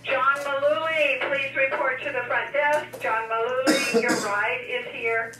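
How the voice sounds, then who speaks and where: A woman making a public address announcement over a school PA loudspeaker. She calls out a name and repeats it. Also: sits high, steady tone, measured pace. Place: school classroom. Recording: echoey distant loudspeaker over crowd noise.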